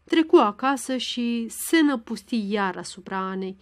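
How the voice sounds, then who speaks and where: A woman narrating a classic novel as an audiobook in a steady, measured reading. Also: on the high side.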